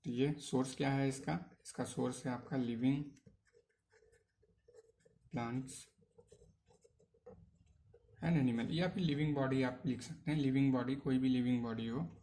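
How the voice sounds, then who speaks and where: A man teaching a chemistry lesson in Hindi, mixing in English terms. He keeps asking the class questions, answers them himself, and fills pauses with hesitations. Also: mid-range voice, steady tone, mellow. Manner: asks questions then answers them, frequent "है ना" tags; hesitant fillers. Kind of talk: online chemistry lecture.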